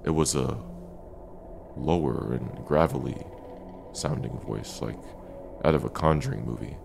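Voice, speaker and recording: Casting: male horror storyteller, extremely low gravelly voice, dramatic and deliberate, over faint music. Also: noisy background. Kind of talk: first-person scary story narration.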